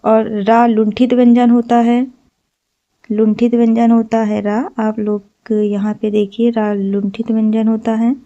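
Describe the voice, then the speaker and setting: A woman's voice: a little high, little pitch movement, measured pace, warm tone. A woman teaching an exam-prep lesson, explaining step by step and repeating key terms. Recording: slightly dull lo-fi recording.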